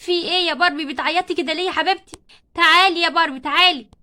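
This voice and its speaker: A strict schoolteacher with an Egyptian Arabic accent barks orders at her class, as a woman acts her out. She is loud and bossy, with a very high voice and rapid-fire delivery. It comes from a homemade doll story. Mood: stern, caring. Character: strict, shouting female schoolteacher.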